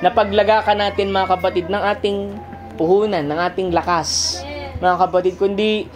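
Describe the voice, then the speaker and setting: A man's voice: sits high, steady tone, normal speed, faint music behind. A man in his thirties preaching a sermon in church, conversational, often chuckling at his own stories. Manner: conversational, keeps saying "mga kapatid" and "diba?". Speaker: pastor.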